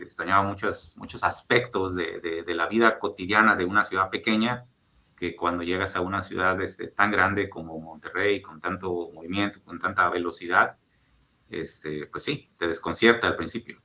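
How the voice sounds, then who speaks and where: A man in his fifties from Mexico talks through his story in a relaxed interview. His voice sits low but sounds bright and forward. He speaks in a measured, thoughtful way, pausing with fillers and restarting phrases. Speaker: guest, oil and gas executive.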